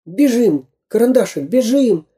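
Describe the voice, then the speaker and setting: A man's voice: sits high, lively intonation, normal speed, warm tone, pitched above the performer's own voice. A man voicing a small resourceful iron man in a storybook, speaking urgently and reassuringly.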